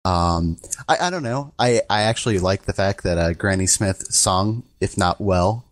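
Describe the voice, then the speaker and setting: A man on a podcast panel, speaking hesitantly with many ums and deadpan jokes. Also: low voice, normal speed. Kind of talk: casual podcast discussion.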